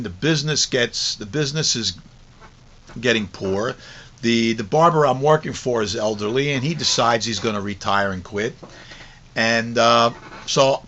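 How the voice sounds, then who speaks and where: A middle-aged or older man, a course teacher, tells an autobiographical teaching story in a conversational way, repeating phrases for emphasis. His mid-range voice is bright and forceful. The recording is dull and lo-fi, with a little hiss or hum.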